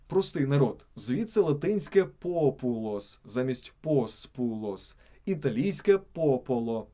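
A man's voice: mid-range voice, dark tone. A man reading scripted narration for a video channel, stressing each example word on its own.

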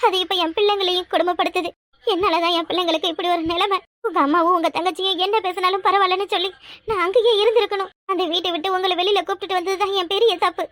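A woman voicing a tearful mother, very high. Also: fairly even intonation, quick pace, a bit bright, dry recording. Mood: sorrowful. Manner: tearful, earnest pleading. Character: loyal wife and mother, sorrowful but firm. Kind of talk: cartoon voice acting.

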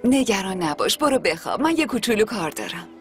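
A woman dubbing a calm young daughter who speaks in a soothing way. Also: medium pitch, over music, close to an everyday voice. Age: young adult. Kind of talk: dubbed TV drama dialogue.

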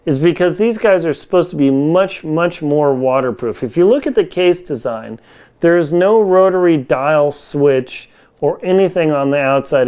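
Speaking directly to camera, a product reviewer in his forties uses a fairly high, very clean, smooth voice that's a little mellow. His talk is informal and slangy, like everyday conversation. A lapel mic captures him indoors in a home kitchen.

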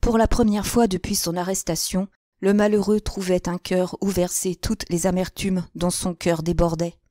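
A woman narrating a classic crime novel as an audiobook, with a measured literary reading. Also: on the low side, level tone, warm tone, no echo, clean studio sound.

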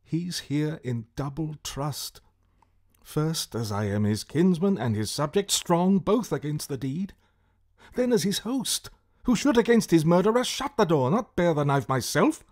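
A man's voice: fairly high pitch, sing-song, a little slow, a little mellow. An actor playing Macbeth, a tormented nobleman turned murderer, declaiming Shakespearean verse in a classical radio drama. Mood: brooding, conflicted. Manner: brooding, theatrical declamation.

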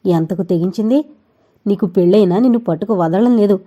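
A woman voicing a loud scolding old mother. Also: medium pitch, fairly quick, lo-fi sound, natural voice. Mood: angry scolding. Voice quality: loud, ringing voice. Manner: scolding, shouting. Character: loud scolding elderly mother, sharp-tongued grandmother. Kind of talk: audio novel reading.

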